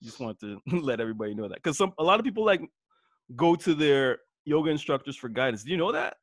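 A man's voice: a little high, animated, fast talker, no echo. A man co-hosting a podcast in a casual, laid-back chat, laughing easily as he quizzes his guest. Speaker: podcast co-host.

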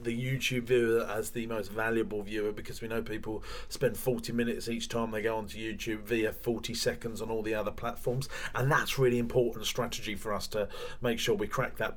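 A man with an Essex accent chatting informally as the guest in a business interview. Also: on the low side. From Essex, England. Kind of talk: casual interview chat. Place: small studio.

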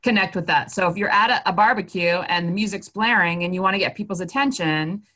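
A woman hosting an interview, upbeat and asking quick, direct questions. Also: medium pitch, pushed and bright. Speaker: interview host, marketer. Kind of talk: casual interview talk.

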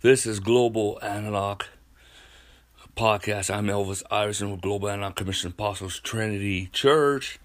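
A man's voice: fairly low pitch, steady tone, moderate pace. A middle-aged man from the United States preaching a prophetic sermon as a podcast host, in a declamatory, repetitive manner punctuated with amens and hallelujahs.

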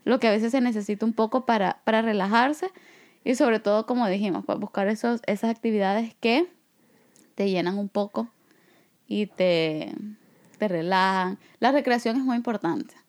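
A woman with a Salvadoran Spanish accent co-hosting a podcast in easy, talkative conversation. She is relaxed, fills her sentences with small fillers and laughs, and her pitch sits in the middle of the usual range. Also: normal speed. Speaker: podcast co-host. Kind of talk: casual chat.

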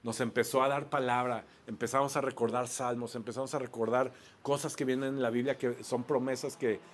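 Mexican male pastor, mid-pitched, lively storytelling sermon with repeats. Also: brisk. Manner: animated storyteller, repeats words.

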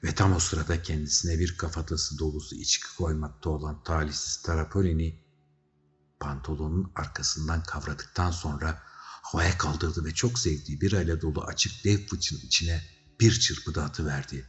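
Very deep-voiced male storyteller. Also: fairly even intonation, moderate pace. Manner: dramatic storytelling, shouting characters' cries. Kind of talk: scripted audiobook narration. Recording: slightly dull recording with faint music.

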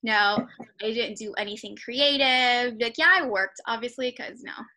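Young woman, high bright voice, rambling casual interviewer, lots of "like" fillers. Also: normal speed. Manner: chatty, many fillers like "like" and "you know". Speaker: interviewer starting a personal project. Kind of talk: casual conversational interview over a call. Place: at home.

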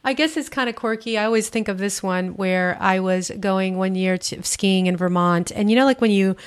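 A woman's voice: medium pitch, moderate pace, smooth. A woman hosting a casual interview, telling stories in a chatty, rambling way full of fillers. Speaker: podcast host, interviewer.

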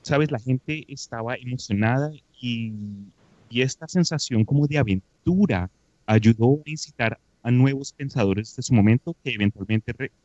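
Man, podcast co-host, animated storyteller, dry dull recording. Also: mid-range voice, dry recording. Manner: lively, animated storytelling with slang. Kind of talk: casual podcast chat and storytelling.

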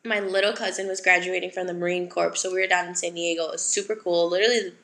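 A woman's voice: on the low side, steady tone, quick pace, fairly bright tone, echoey room. A young woman from Wisconsin co-hosting a casual podcast, chatty and full of fillers. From Wisconsin, USA. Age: young adult. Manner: chatty, filler-heavy, giggly. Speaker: podcast co-host. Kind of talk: casual chat.

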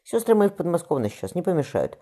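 A man's voice: on the high side, big pitch swings, fast, dark tone, pitched above the performer's own voice. A man voicing an earnest, capable young apprentice boy who speaks eagerly and respectfully.

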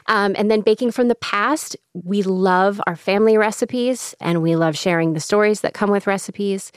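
A woman's voice: mid-range voice, moderate pace, clean tone, no room sound, studio quality. A woman from the Midwest with a Chicago accent, chatting enthusiastically as a cookbook author in a radio interview. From American Midwest. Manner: enthusiastic, chatty, laughs often.

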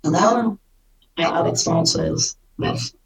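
A woman talking casually and earnestly about her channeling experiences, halting and repeating phrases for emphasis. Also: deep voice, vocal fry, far from the mic, rough recording. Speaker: spirit channeler, interview guest.

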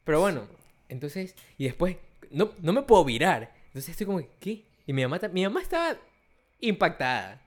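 Lively young man, swooping pitch. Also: a little fast. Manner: animated storyteller, acts out quotes in high voices. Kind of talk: casual chat.

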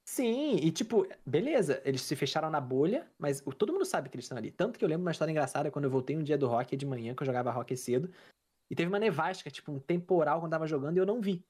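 Young carioca dude telling stories quick, husky voice, lots of slang. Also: male voice, a little high. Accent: Carioca Brazilian Portuguese. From Brazil. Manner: slangy, animated storyteller. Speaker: podcast guest. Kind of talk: casual chat.

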